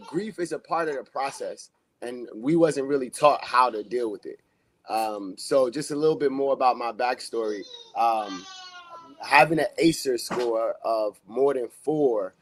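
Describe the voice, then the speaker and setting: A man speaking as a guest on a casual podcast, with a loose, rambling delivery full of fillers and street slang. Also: mid-range voice. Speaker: podcast guest, community activist.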